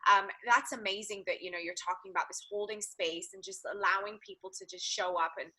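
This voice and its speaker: A woman hosts a casual interview show. Her voice is bright, forward and a little breathy. She asks long, winding questions packed with likes, ums and you-knows. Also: medium pitch, sing-song, brisk, poor audio. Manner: rambling questions, many fillers. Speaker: podcast host.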